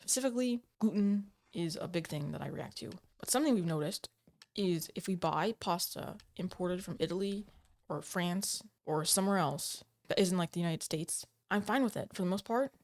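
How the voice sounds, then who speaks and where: This woman's voice sits on the low side with a darkish tone and a moderate pace. Hosting a gaming channel, she chats to camera from home through a desk mic, hesitant and rambling, full of fillers and restarts. Illness leaves her sounding a bit off.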